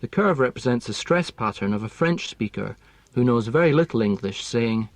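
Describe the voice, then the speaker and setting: Measured man explaining a lesson. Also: medium pitch, animated, no echo. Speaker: language teaching expert.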